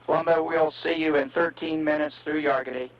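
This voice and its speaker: Guy calling a spacecraft from mission control, muffled radio w/ cordless phone type static, slightly high voice. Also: steady tone, brisk. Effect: two-way radio with static. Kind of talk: procedural radio call to spacecraft.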